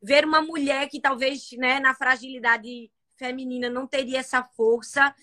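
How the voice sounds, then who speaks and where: Woman podcast host, high and bright, affirming interviewer. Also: flat delivery, normal speed. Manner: affirming, responds with short interjections. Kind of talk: faith interview.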